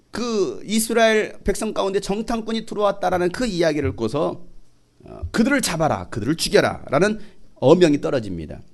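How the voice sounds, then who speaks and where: A man's voice: a little high, darkish tone. A middle-aged man preaching a sermon, asking the congregation questions and joking with them. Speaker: pastor.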